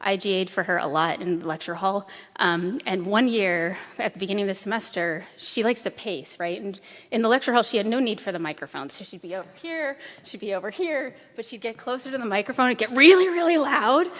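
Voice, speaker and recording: Woman, forties, at a podium in a chamber hall giving a storytelling tribute; middle pitch, long reverberant tail. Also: brisk. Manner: anecdotal, light humorous asides. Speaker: former doctoral student giving a tribute. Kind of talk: memorial tribute speech. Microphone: podium microphone.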